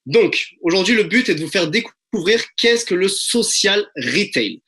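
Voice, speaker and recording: High, bright, hyped-up man. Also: expressive, unhurried, a little hiss or hum. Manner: enthusiastic and pushy, addresses audience as friends. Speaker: presenter of a recruiting webinar. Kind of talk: energetic sales pitch. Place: at home. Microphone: video call.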